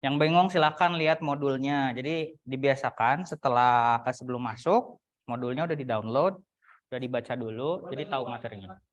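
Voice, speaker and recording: A woman's voice: very deep voice, lo-fi sound. Chatty young woman lecturing a class. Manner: teasing, chatty, slows down to model English examples. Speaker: university English lecturer.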